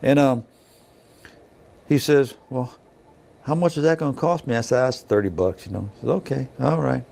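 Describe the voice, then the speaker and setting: A man's voice: medium pitch, normal speed, vocal fry, long pauses, mellow. A middle-aged man who inspects trucks at a scale, telling a story in a folksy, chatty way with lots of "you know" asides. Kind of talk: casual storytelling.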